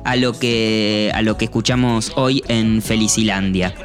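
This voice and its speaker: A man co-hosting a casual music review chat, talking in a relaxed, chatty way with frequent fillers. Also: lowish voice, measured pace. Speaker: podcast co-host.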